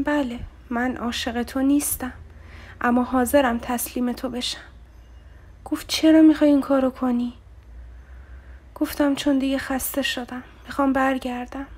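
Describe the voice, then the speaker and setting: A woman's voice: high voice, darkish tone. A woman narrating a romantic novel as an audiobook, reading the dialogue with feeling. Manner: emotive, voices dialogue with rising intensity.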